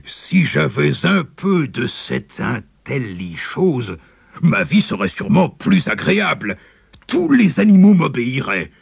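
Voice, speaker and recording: Raspy husky tiger, sly and greedy, slow purring storybook villain. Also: male voice, medium pitch, no room sound, studio quality, full character voice. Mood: scheming. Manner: purring, drawn-out, scheming. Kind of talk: storybook character voice.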